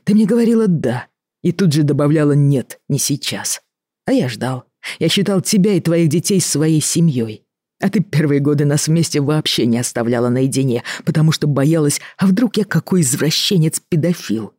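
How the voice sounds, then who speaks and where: Reader as a weary middle-aged doctor at the end of his rope; reproachful, husky, dry. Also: medium pitch, animated, warm tone, no echo. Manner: tired, reproachful, measured. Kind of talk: audiobook reading.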